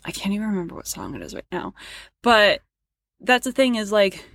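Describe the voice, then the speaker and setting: Very animated and a little fast, a woman reacts to a competition show as a co-host, rambling with many fillers and frustrated sighs. Her medium-pitched voice is creaky and a bit bright, in a dry recording.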